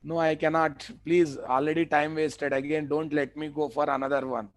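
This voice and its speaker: A man with a South Indian, Telugu-influenced English accent, teaching a live online software class in short instructions that he often repeats. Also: on the high side, flat delivery, normal speed, no room sound. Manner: repeats phrases, clipped instructions. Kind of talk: live online tutorial, addressing students.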